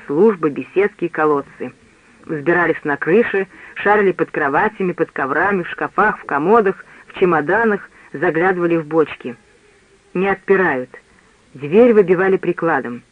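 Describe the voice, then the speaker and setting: A man narrating a novel as an audiobook in a steady storytelling reading. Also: high-pitched, no room sound. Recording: tinny phone-like dry sound.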